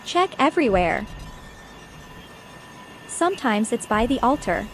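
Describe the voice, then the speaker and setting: A woman's voice: fairly high pitch, sing-song, unhurried, soft background music. A woman streamer chatting casually while playing a video game. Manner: chatty, musing aloud. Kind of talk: casual gameplay commentary.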